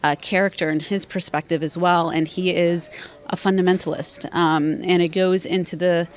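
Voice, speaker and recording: A woman in her thirties with a deep voice, a former journalist and author from Afghanistan who was raised in Virginia, USA, answers interview questions. She is measured and thoughtful, using frequent fillers.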